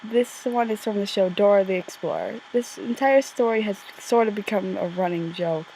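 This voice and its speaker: A woman talks to her viewers in a flat, bored-sounding deadpan, tripping over her words now and then. She is recording under a blanket in a bedroom corner, so her voice comes through muffled and close. Her pitch sits in a middle range, with a faint hiss behind her. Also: normal speed. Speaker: YouTuber. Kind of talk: casual vlog chat. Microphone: home recording.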